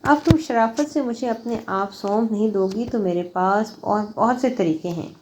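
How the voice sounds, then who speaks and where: A woman's voice: mid-range voice, darkish tone, slight background noise, lightly acted. A woman doing a cold, commanding older man. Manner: curt, commanding. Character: scheming older man, a commanding, predatory father.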